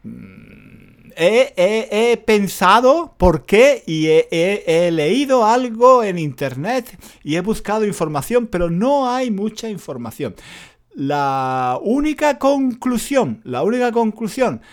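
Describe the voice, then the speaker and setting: Guy teaching, high voice, bouncy delivery, repeats himself a lot. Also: takes it slowly. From Spain. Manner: animated, repeats phrases, self-mocking jokes. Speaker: Spanish teacher. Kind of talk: casual spoken lesson.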